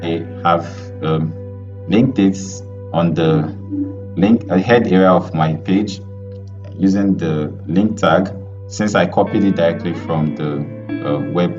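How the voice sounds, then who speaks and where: Deep-voiced male teacher on a voice call. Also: muffled recording, over music. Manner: halting, with many fillers and restarts. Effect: heard over an online group voice call. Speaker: web development instructor. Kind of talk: live online coding lesson.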